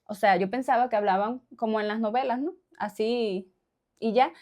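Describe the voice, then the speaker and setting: A woman's voice: fairly high pitch, normal speed, a little mellow. A woman from Cuba with a Cuban accent, chatting casually to her viewers, laughing often and tossing in little questions. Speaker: vlogger. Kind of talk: casual chat to camera.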